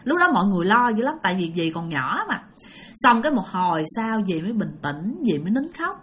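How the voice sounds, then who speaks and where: A woman's voice: mid-range voice, brisk. A woman with a Southern Vietnamese accent telling a ghost story casually, chatting straight to her listeners. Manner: animated, addresses listeners directly.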